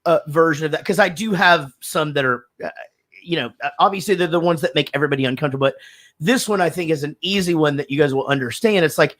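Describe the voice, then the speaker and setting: A man's voice: a little high, quick pace. A man in his thirties, a podcast co-host and father, telling stories in profane casual chat and acting out the other people's voices. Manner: animated storyteller, doing voices in quotes.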